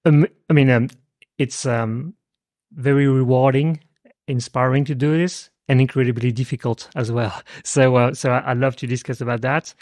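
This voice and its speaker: A man's voice: medium pitch, steady tone, normal speed, a little mellow, no room sound, clean studio sound. A man hosting a podcast interview, speaking hesitantly with many fillers. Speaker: podcast host.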